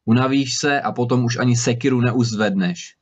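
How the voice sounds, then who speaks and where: A man's voice: mid-range voice, lightly acted. A man voicing a stern, worried old woodcutter father who scolds his son in a storybook reading. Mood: scolding. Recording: slightly dull recording.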